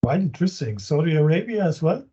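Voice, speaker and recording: Hosting an interview in a warm, slightly rough voice that sits on the high side, a German-accented business coach speaks fast with big pitch swings. He is friendly and affirming and restarts phrases in English. The audio is dull and lo-fi.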